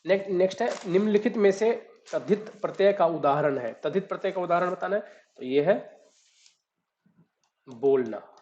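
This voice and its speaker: A man's voice: sits high, animated, moderate pace, long pauses, darkish tone, slight background noise. Man tutor going through exam answers. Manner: reads each question, then explains the answer step by step. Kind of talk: exam solution walkthrough. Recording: dull lo-fi recording.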